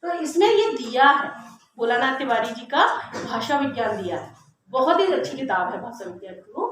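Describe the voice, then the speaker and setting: A woman teacher giving a classroom grammar lesson, explaining step by step and slowly sounding out letters to demonstrate. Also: sits high, very animated, a crowd in the background. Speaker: Hindi teacher. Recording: very echoey classroom with faint noise.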